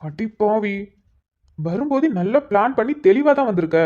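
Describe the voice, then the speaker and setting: Woman voicing a young man, cartoon sweetheart, teasing, coaxing, mid-pitched, dull lo-fi sound. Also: expressive, normal speed, dark tone, lightly acted. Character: young man, police aspirant, teasing but tender fiancé. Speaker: male lead in a cartoon love story. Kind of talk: cartoon voice acting.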